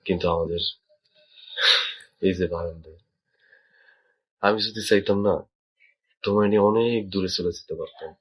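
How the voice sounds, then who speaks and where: An actor playing a gentle husband who apologizes softly in a husky voice. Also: male voice, low voice, steady tone, moderate pace, long pauses, muffled recording. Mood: remorseful.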